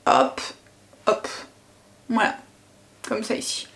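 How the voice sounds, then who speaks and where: Speaking slowly in a fairly bright tone, this mother and vlogger talks casually through a makeup tutorial. Each step gets narrated with small interjections, and she frequently corrects herself mid-sentence, trailing off and starting over.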